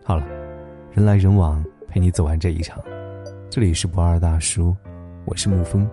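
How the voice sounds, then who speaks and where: A man hosting a late-night story program, narrating a gentle tale in a calm, tender way. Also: deep voice, normal speed. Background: soft instrumental music.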